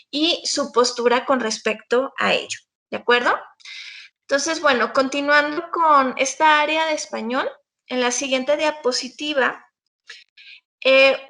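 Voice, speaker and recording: A woman's voice: sits high, bright, forceful tone. A woman giving an exam-prep lecture, explaining step by step and checking in often with her students. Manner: patient, explanatory, checks in with frequent "¿sí?". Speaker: teacher.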